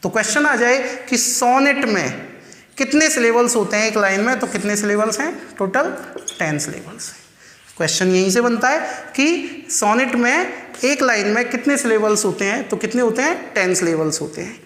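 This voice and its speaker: Man teaching with bright, echoing voice. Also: very high voice, animated. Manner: drills students with repeated rhetorical questions; slow, emphatic counting and spelling out terms. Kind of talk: exam-prep lecture.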